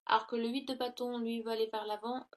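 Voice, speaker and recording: Hesitant, high-voiced woman reading tarot. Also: level tone, fast talker. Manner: hesitant, many fillers and self-corrections. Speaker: tarot reader. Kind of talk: casual tarot reading to camera. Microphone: laptop built-in mic.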